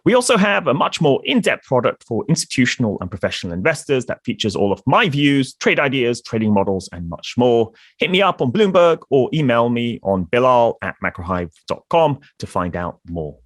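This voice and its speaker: A man's voice: medium pitch, sing-song, a little fast, hardly any pauses, no echo, clean studio sound. A man hosting a podcast, reading a promotional intro and then interviewing a guest in an upbeat way. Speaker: podcast host.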